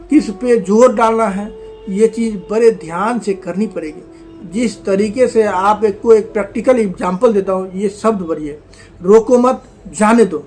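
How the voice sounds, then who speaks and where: A man giving a motivational lesson on communication, talking emphatically, repeating his points and calling his viewers friends. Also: sits high. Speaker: communication skills coach.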